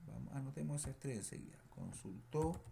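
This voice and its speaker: Slow, patient male teacher checking in often. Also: mid-range voice, animated, darkish tone, a little hiss or hum. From Chile. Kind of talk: recorded remote lesson feedback.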